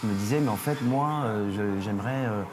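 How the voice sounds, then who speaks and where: A man's voice: lowish voice, brisk, noisy background. A middle-aged man from France who runs a surf school, talking in a casual interview, hesitant with many fillers and restarts.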